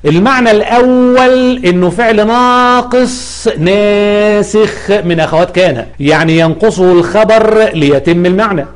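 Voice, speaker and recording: A man's voice: high-pitched, normal speed. A man with an Egyptian accent teaching an Arabic grammar lesson, explaining patiently and drawing out sounds to demonstrate pronunciation. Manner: corrective, emphatic about common mistakes.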